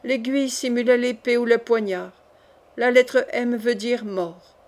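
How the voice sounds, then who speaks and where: A woman's voice: a little high, steady tone, a little slow, a little mellow. A woman reading the part of a frightened older male witness in an audiobook, hesitant and faint.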